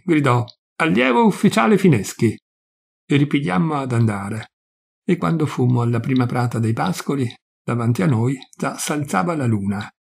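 A man reading a literary story aloud in a measured storytelling manner, lightly voicing the dialogue. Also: medium pitch, a little mellow, husky. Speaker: reader.

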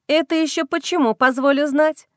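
A woman's voice: high-pitched, fairly even intonation, normal speed, dry recording, clean studio sound, pitched above the performer's own voice, natural voice. Woman voicing an earnest young heroine. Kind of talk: audiobook reading.

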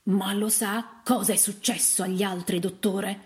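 A woman's voice: mid-range voice, fairly even intonation, normal speed, natural voice. A woman voicing a fussy, curt middle-aged husband who speaks stiffly and gloomily in a storybook reading.

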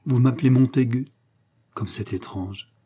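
A man's voice: medium pitch, measured pace, mellow, slightly rough. A man playing a passionate lovesick colonel. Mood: tender. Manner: passionate, grave. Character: earnest lovesick male colonel.

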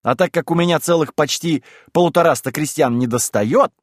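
A man voicing a polite, scheming middle-aged gentleman who talks evasively and with wounded dignity in an audiobook reading. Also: fairly high pitch, a little fast, no echo, clean studio sound, close to an everyday voice. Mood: wheedling.

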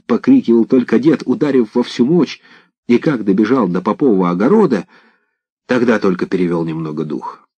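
A man narrating a folk tale in an expressive, dramatic reading. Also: medium pitch, husky, no echo. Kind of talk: scripted storytelling narration. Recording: dull lo-fi dry recording.

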